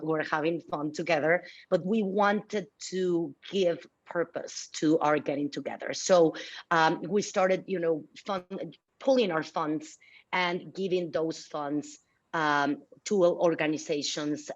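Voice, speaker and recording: A woman's voice: low-pitched, highs cut off. A middle-aged woman from Mexico City with a Mexican accent, the guest of a virtual fireside chat, talking reflectively with many fillers. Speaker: guest speaker.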